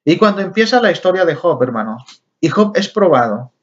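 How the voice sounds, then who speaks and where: A man's voice: high-pitched, big pitch swings, brisk. A man teaching a Bible lesson, often calling his listeners brothers and asking them rhetorical questions. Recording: dull lo-fi recording.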